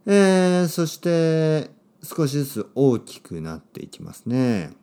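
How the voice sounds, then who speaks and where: A man hosting a podcast for Japanese learners, speaking simply with lots of repetition and a playful, expressive delivery. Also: takes it slowly. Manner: clear, simple phrasing for learners with repeated words; expressive and playful, with sudden pitch jumps. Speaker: podcast host and Japanese teacher.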